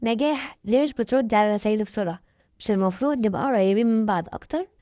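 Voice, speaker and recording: A woman's voice: mid-range voice, racing, warm tone, no room sound, muffled recording, natural voice. A woman with an Egyptian accent voicing a manipulative, possessive teenage schoolboy in a spoken story, in a persuasive, pushy manner. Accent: Egyptian Arabic. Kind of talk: storybook narration.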